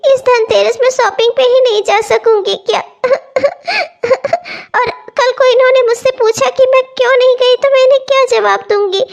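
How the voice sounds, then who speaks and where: A young cartoon housewife who loves festival shopping, voiced by a woman. Her voice sits extremely high and thin, eager when she chatters and pleading when she sobs. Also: fairly even intonation, a little fast, creaky, few pauses. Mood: distraught. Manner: sobbing, pleading. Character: young cheerful newlywed housewife, festival-loving. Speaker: cartoon voice actor. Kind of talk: cartoon voice acting.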